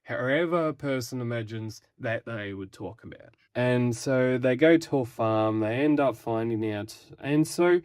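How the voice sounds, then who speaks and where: A man's voice: mid-range voice, unhurried, hardly any pauses, a little mellow, clear, resonant tone, no echo, studio quality. A man giving a casual spoken comic book review, rambling and restarting often.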